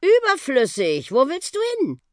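A woman's voice: high voice, wildly swooping pitch, a little slow, no echo, studio quality, pitched above the performer's own voice, full character voice. A woman voicing a cheerful, show-off old male talking bus in a children's audiobook. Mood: cheeky. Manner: cheerful, show-off, breathless boasts.

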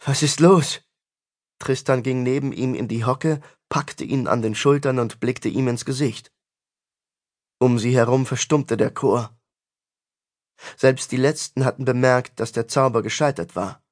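A man narrating a fantasy audiobook in a measured, dramatic storytelling manner. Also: medium pitch, fairly even intonation.

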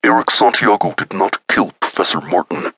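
A male narrator voicing a mysterious anonymous caller whose voice is run through a scrambler, speaking slowly and cryptically. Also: deep voice, vocal fry, bright, forceful tone, breathy edge, dry recording, exaggerated voice. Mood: cryptic. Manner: slow, cryptic, solemn.

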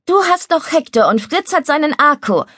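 A woman's voice: sits high, very animated, moderate pace, a bit bright, dry recording, pitched above the performer's own voice. A woman voicing a stubborn young girl who wheedles and insists, in a storybook reading. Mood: pleading. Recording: dry studio recording.

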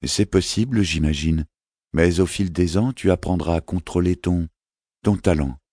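A man voicing a queenly mother who speaks gently and reassuringly, with a fierce edge underneath. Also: sits low, normal speed, husky, no room sound, studio quality, pitched above the performer's own voice. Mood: tender. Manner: gentle, reassuring, flaring sharply.

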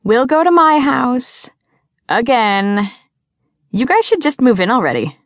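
A woman voicing a bubbly, theatrical teenage girl who teases her friends in an excitable, dramatic way. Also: high voice, a little slow, no echo, pitched above the performer's own voice, heavily acted. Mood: whiny. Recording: dry studio.

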